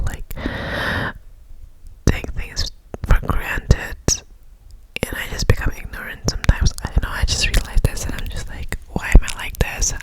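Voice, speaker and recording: A young woman whispering breathily into cupped hands in ASMR style, reflecting in a hesitant, personal way. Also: rough recording. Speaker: ASMR host. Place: alone in a room at home.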